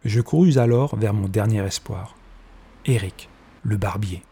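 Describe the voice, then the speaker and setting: Male children's audiobook narrator, husky and low, gentle delivery. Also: measured pace. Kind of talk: scripted storybook narration.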